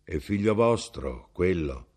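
A man playing a sick, bedridden peasant who speaks slowly in a low, hollow voice. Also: very animated, a little mellow, slightly rough, full character voice. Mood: weary. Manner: slow, low, hollow from far off.

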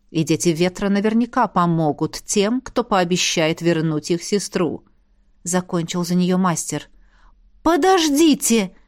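A woman narrating a fantasy audiobook, reading every character's lines expressively. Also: mid-range voice. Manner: lively, switches voices for characters.

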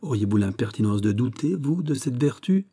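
A man reading an audiobook, voicing a haughty, sharp-tongued young princess with ironic, exasperated questions. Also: medium pitch, moderate pace, close to an everyday voice.

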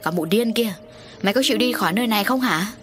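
A woman's voice: medium pitch, quick pace, a bit bright, faint music behind, close to an everyday voice. A woman narrator voicing a hot-tempered middle-aged farm wife who scolds and panics. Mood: furious.

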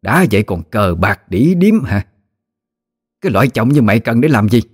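A man's voice: medium pitch, sing-song, moderate pace, breathy edge. A man doing a furious old grandmother. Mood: scolding. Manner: harsh, accusing tirade. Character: furious old grandmother scolding her in-laws.

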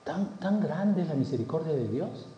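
Animated male pastor preaching in an echoey hall. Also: fairly high pitch, moderate pace, a little hiss or hum. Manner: animated storytelling with rhetorical questions, acts out the scenes. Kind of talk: sermon. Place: church hall. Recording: echoey hall, dull lo-fi sound.

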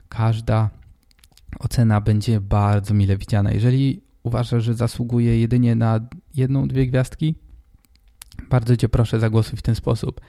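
Male podcast host, twenties; hoarse with a blocked, stuffy nose, very dark and mellow tone, informal solo monologue. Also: fairly low pitch, dry recording, clean studio sound. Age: 20s. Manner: informal, addressing the listener directly.

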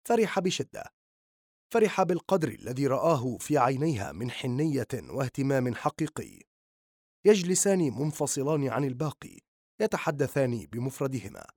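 A man narrating a novel as an audiobook reader, with expressive storytelling. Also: mid-range voice, no room sound, studio quality. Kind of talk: scripted narration.

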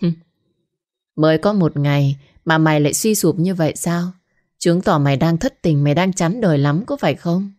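A woman's voice: deep voice, normal speed, darkish tone, natural voice. A woman voicing a gloating, pregnant young mistress who taunts and then turns coy with her lover. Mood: sneering.

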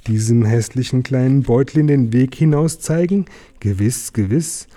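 A man's voice: medium pitch, a little slow, dark tone, close to an everyday voice. A man voicing Gollum, a slimy, sly and greedy male cave creature who hisses and repeats himself. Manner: hissing, repeating himself, whining. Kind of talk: audiobook character voice.

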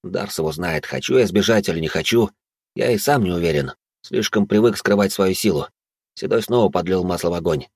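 A man narrating an audiobook in a steady, even storytelling manner. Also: low-pitched, brisk, vocal fry, breathy edge, no room sound, studio quality.

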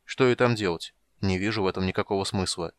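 A man's voice: low voice, fast talker, no echo, close to an everyday voice. A man doing a grumbling burly warrior. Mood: gruff. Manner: grumbling, gruff. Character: burly male warrior, gruff, blunt, sulky.

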